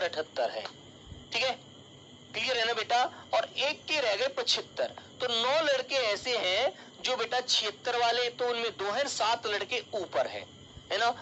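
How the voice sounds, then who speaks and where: A man's voice: very high-pitched, pushed and bright, dull audio, a little hiss or hum. A male teacher giving an online exam-prep lesson, calling his students child and dear and explaining with everyday examples.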